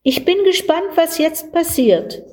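A woman voicing an eager, curious young boy in a read-aloud Christmas story, excited and pleading. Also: high voice, measured pace, pitched above the performer's own voice. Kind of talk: storybook reading.

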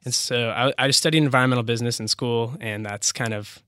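Bright-toned easygoing young man. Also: medium pitch, steady tone, a little fast, no echo. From Bellevue, Washington, US. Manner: easygoing, rambling with many likes and restarts. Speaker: guest, company co-founder. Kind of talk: casual interview.

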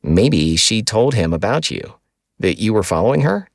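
An inquisitive teenage boy, as a male narrator voices him in a storybook reading, asking plain questions. The tone is low and gravelly, recorded dry and close. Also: sing-song, moderate pace, dry recording, heavily acted. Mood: questioning. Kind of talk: audiobook character voice.

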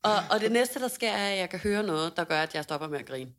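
Young woman, lowish voice, rambly chatty storytelling, laughs a lot as she goes. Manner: animated, laughs while telling, many fillers and restarts. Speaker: podcast co-host. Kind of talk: casual storytelling chat.

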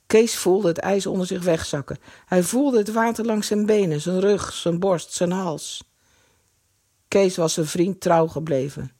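A woman reading a children's novel aloud, dramatic and slowing down at tense moments. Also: medium pitch, a little mellow, breathy edge. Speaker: audiobook reader.

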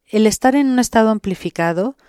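A woman's voice: fairly high pitch, lively intonation, a little fast, mellow, smooth, dry recording, clean studio sound. A woman with a Mexican Spanish accent, speaking as an interview guest in an instructive way, addressing the listener directly. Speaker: interviewed guest who guides sessions. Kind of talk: explanatory podcast interview.

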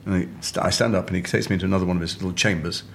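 A middle-aged man from England, an actor telling lively anecdotes over lunch and acting out the other people's lines. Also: deep voice, racing, gravelly. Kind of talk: casual chat, animated anecdote. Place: restaurant table.

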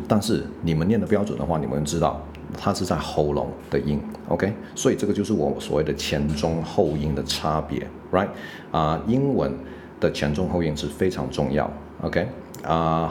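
A man with a Taiwanese Mandarin accent and a very low voice, teaching English pronunciation in a relaxed spoken lesson. He explains patiently and keeps checking in with English fillers. A faint hiss sits under the recording.

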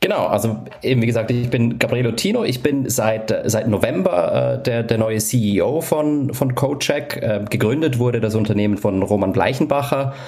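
A man giving casual interview answers as a guest, halting and repeating words as he searches for the next one. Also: mid-range voice, lively intonation, darkish tone. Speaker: startup CEO, podcast guest.

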